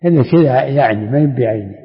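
A man's voice: mid-range voice, quick pace. An older man teaching as a sheikh, questioning his reader, asking him to repeat lines and explaining the text. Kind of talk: lesson commentary on a read text. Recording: dull lo-fi sound in a reverberant hall.

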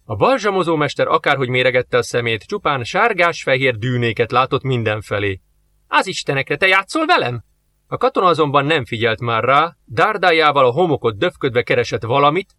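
A man narrating an audiobook with steady storytelling. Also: mid-range voice, hardly any pauses. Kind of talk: scripted narration.

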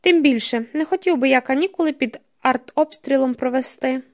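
A woman's voice: high voice, a little fast. A woman reading the part of a chain-smoking male journalist who talks in an ironic, lecturing way. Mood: mocking.

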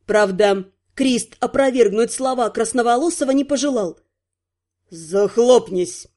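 Brief: female audiobook narrator, high and mellow, expressive first-person fantasy reading. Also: normal speed.

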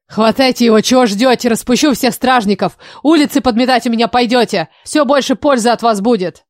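A woman reading an audiobook voices a young male king who barks orders loudly and scolds his guards. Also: medium pitch, brisk, dry recording, clean studio sound, lightly acted. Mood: commanding. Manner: loud, barking orders. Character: young male king, commanding and hot-tempered.

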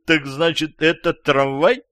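Jeering jealous lover voiced by a male narrator: sarcastic, gloating, loud, dry sound. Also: a little high, steady tone, a little slow, no echo, pitched above the performer's own voice. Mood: mocking. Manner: sarcastic, gloating, laughing wildly. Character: angry, sarcastic jealous lover, adult man.

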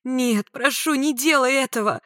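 A woman voicing a frightened young heroine who pleads in high, loud cries. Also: moderate pace, no room sound, clean studio sound. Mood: pleading.

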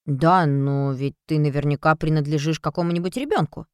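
A woman's voice: low voice, fairly quick, darkish tone, clear, resonant tone, no echo, clean studio sound, close to an everyday voice. A woman voicing a cheeky, teasing young boy in a storybook, with emphatic lines. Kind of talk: storybook reading.

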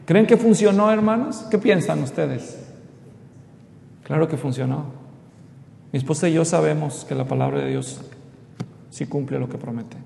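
A man's voice: moderate pace, gravelly, pauses often, warm tone. A middle-aged man preaching an expository sermon, telling family stories and speaking straight to the congregation. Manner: storytelling, addresses the congregation directly. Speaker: pastor. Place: church hall. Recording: echoey hall with faint rumble.

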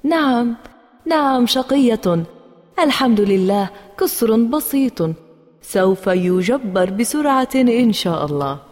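A woman voicing a calm, loving mother in a children's story, speaking softly and reassuringly, with a husky voice and long reverb. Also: fairly high pitch, unhurried, soft background music. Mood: tender. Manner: soft, reassuring tone.

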